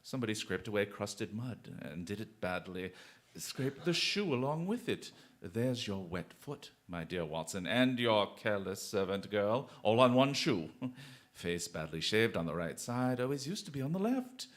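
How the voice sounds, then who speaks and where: In a radio drama, an actor voices a brilliant English gentleman detective, playful and self-assured, who speaks in eloquent, exclamatory flourishes. His fairly low, sing-song voice moves at a moderate pace as he shows off.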